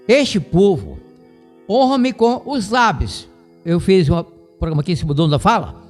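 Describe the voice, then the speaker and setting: A man's voice: sits high, big pitch swings, moderate pace. A man with a Brazilian Portuguese accent teaching a radio Bible lesson in a didactic, digressive way, often repeating himself. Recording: radio broadcast with hall reverb and faint music.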